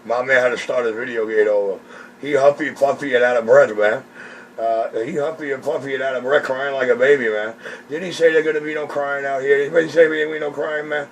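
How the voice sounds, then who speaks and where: A man's voice: mid-range voice, steady tone, brisk. Mocking man on CB radio. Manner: mocking, complaining. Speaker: CB radio operator. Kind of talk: radio chatter. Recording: distant radio audio with faint hiss.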